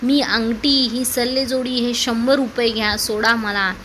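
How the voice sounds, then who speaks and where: A woman's voice: on the high side, fairly even intonation, a little slow, a bit bright, slight background noise. A woman voicing a fearless middle-aged village man in a spoken story. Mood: pleading. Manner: confident then pleading.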